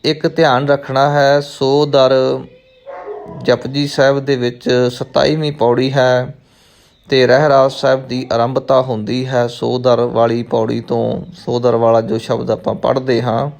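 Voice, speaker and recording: A man, a Sikh scripture teacher, who chants verses slowly and then explains how to pronounce them. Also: medium pitch, little pitch movement, creaky, darkish tone. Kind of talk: slow recitation and pronunciation lesson.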